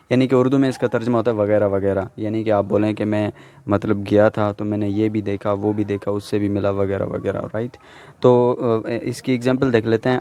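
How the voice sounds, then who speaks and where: A man giving a casual pronunciation lesson, explaining in Urdu-Hindi and slowing down to say English example words carefully in a British-style accent that drops the final R. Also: lowish voice, mellow. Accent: British-style non-rhotic English.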